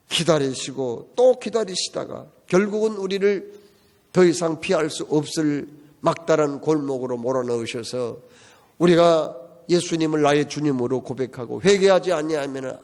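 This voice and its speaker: A man's voice: a little high, darkish tone. A male pastor preaching a sermon emphatically, driving it with rhetorical questions. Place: church sanctuary. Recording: long church-hall reverb.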